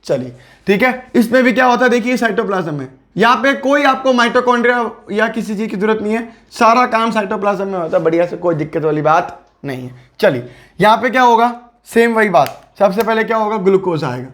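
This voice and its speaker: High-voiced man teaching biology. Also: lively intonation, a little fast, a bit bright. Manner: repeats key terms, asks and answers his own questions; friendly, coaxing. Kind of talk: exam-prep lecture.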